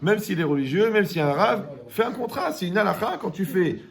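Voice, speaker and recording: A man giving a lively Torah class, joking and asking his audience questions. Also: sits high, a little fast, vocal fry, a crowd in the background. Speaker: Torah teacher.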